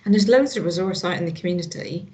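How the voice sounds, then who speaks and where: Speaking quickly with lively intonation, this hospital staff guest has a lowish, slightly mellow voice. She is a middle-aged Northern Irish woman whose accent carries a hint of Scottish. In casual, earnest conversation she restarts frequently and leans on "you know."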